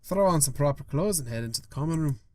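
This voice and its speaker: A man reading a story game's text aloud, expressive, with quick asides to viewers. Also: on the high side, no echo. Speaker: gaming YouTuber.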